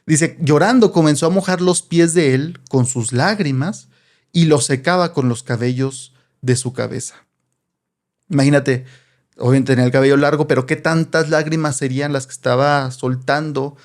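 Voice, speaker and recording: A man with a Mexican accent explaining a Bible passage in a relaxed, conversational way, often tagging his sentences with rhetorical questions. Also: fairly high pitch, moderate pace. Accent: Mexican Spanish. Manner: chatty, asks rhetorical questions, frequent "¿no?". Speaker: Bible teacher.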